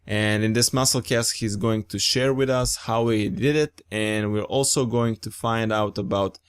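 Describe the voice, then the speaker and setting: A man's voice: on the low side, steady tone, moderate pace, smooth. Upbeat young male podcast host. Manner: upbeat, enthusiastic, informal. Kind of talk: casual podcast chat.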